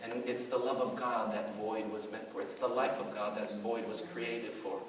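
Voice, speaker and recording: Man, middle-aged, pastor, sermon, animated storytelling, echoey hall, distant mic. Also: on the low side, moderate pace. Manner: animated conversational storytelling, many asides. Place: church hall. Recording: echoey hall, mic far off, faint noise.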